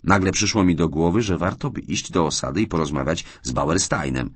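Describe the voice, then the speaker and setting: A man narrating an audiobook in a measured, expressive first-person storytelling style. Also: sits low, breathy edge, no room sound. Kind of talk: scripted narration.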